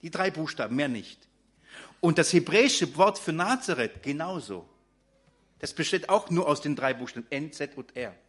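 A man's voice: fairly high pitch, expressive, moderate pace, a bit bright, slightly rough. A man preaching a sermon in German, talking directly to his congregation with frequent fillers and restarts.

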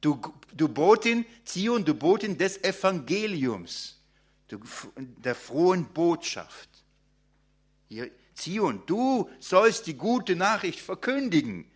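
Guy preaching a sermon, bit higher voice, asks the congregation stuff, drags out key words. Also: very animated, slightly rough. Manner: expounding scripture with questions to the congregation; stretches key words slowly for emphasis.

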